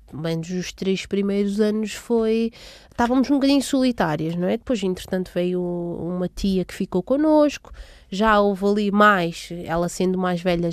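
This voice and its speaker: A young woman from São Tomé with a mellow, warm tone tells her story in an interview. She pauses often with fillers and restarts. The recording is dry and close. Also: medium pitch, clear, resonant tone, dry recording. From São Tomé and Príncipe. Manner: hesitant, many fillers and restarts. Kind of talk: casual personal recollection.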